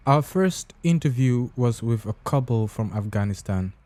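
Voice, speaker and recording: Mellow-voiced male documentary narrator. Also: medium pitch, lively intonation, moderate pace, no echo. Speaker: podcast host and narrator.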